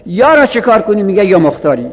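A man's voice: high voice, very animated, long reverb tail, lo-fi sound. A man teaching Arabic grammar, explaining step by step, asking rhetorical questions and reciting example phrases. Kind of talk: explanatory grammar lesson in Persian.

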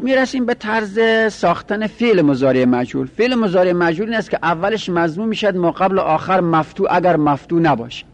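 A man teaching a lesson, working through each rule step by step and repeating it. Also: high voice. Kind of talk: lecturing on Arabic grammar.

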